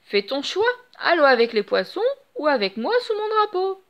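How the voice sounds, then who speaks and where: Woman doing a villainous male pirate captain, mocking, threatening, high voice, storybook. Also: big pitch swings, normal speed, dull audio.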